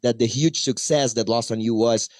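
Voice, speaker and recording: Radio host, dry booth sound. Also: male voice, medium pitch, dry recording. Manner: halting, repeats words while asking long questions. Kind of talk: bilingual radio interview.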